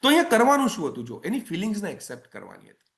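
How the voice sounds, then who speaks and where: This is a man running an online parenting session. His voice sits slightly high for a man, and his delivery is chatty and persuasive. He keeps circling back to the same phrases for emphasis. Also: wildly swooping pitch, rapid-fire, creaky, a bit bright. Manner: conversational, coaxing, repeats phrases for emphasis. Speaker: parenting coach. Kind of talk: webinar talk.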